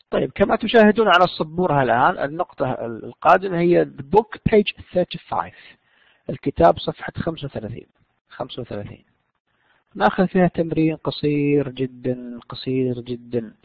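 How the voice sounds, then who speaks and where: A man's voice: medium pitch, gravelly, dry recording. A man teaching an English lesson, explaining in with frequent fillers. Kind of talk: bilingual classroom lesson. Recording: tinny phone-like dry sound.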